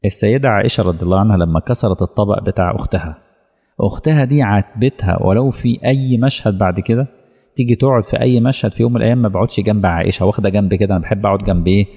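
A man's voice: fairly low pitch, very fast, warm tone, breathy edge, big-room sound. A man with an Egyptian accent giving a colloquial sermon, telling stories and acting out their dialogue. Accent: Egyptian Arabic. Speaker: preacher.

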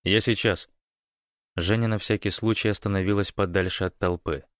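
A man's voice: sits low, steady tone, fairly quick, smooth, no room sound, clean studio sound. A man narrating an audiobook.

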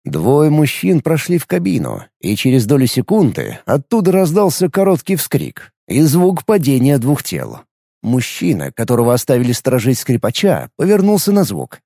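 A man narrating an audiobook in an expressive storytelling manner. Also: mid-range voice, vocal fry, no room sound, clean studio sound. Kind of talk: scripted narration.

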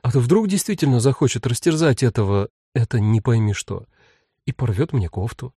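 A man voicing a middle-aged mother who speaks low, firm and steady. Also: normal speed, husky, dry recording, clean studio sound.

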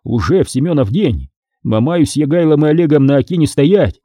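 A man's voice: fairly high pitch, animated, fairly quick, mellow, no echo, studio quality. A man voicing a bold, bantering medieval cavalry captain.

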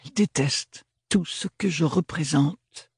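A timid young woman, put on by a male narrator, speaks hesitantly and a little breathlessly, her voice lifted and husky. The sound is close and dry, as in an audiobook reading. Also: fairly high pitch, unhurried, darkish tone, dry recording, pitched above the performer's own voice. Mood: pleading. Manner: hesitant, stammering.

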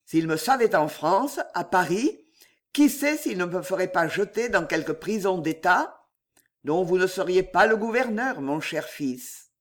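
Audiobook figure: a calm, commanding older Jesuit chief, slow and weighty, read by a man. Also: sits high. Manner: calm, authoritative.

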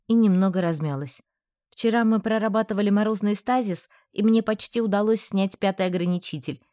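A woman narrating a first-person novel in an even, measured reading. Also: medium pitch, no echo, clean studio sound. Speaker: audiobook narrator.

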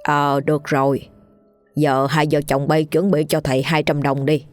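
A woman voicing a sly old male village healer in a read-aloud ghost story, slow and knowing. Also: deep voice, flat delivery, no room sound, clean studio sound, faint music behind, lightly acted.

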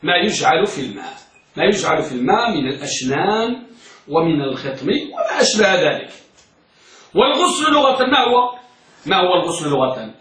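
A man's voice: high-pitched, bright, forceful tone. A man teaching a class, quizzing students with repeated questions and urging them to speak up. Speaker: teacher of hadith. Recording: echoey room, voice from far off.

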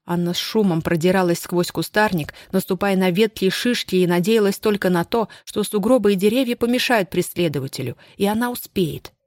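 Audiobook narrator, mid pitch, steady reading, dead dry close mic. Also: brisk, hardly any pauses, dry recording. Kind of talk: scripted narration.

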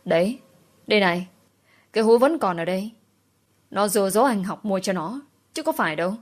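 A woman voicing a spiteful, quarrelsome female co-worker who yells and accuses in a storybook reading. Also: mid-range voice, moderate pace, close to an everyday voice. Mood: accusing. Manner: accusing, yelling.

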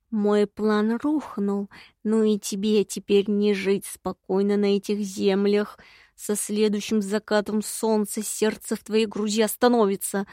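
A woman voicing a creaky ancient villain. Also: medium pitch, mellow, no room sound, studio quality, lightly acted. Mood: menacing. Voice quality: creaky, raspy. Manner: slow, grumbling, menacing drawl. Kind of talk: audiobook character reading.

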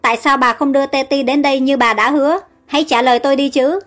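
A woman's voice: high-pitched, steady tone, quick pace, fairly bright tone. A woman voicing an earnest young heroine in an audio storybook. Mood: alarmed. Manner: earnest, pleading. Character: young woman, trusting then frightened. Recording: faint music underneath.

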